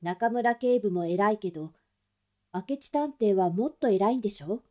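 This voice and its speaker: A woman voicing an eager young boy who speaks quickly and pleadingly. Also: mid-range voice, animated, a little mellow, close to an everyday voice.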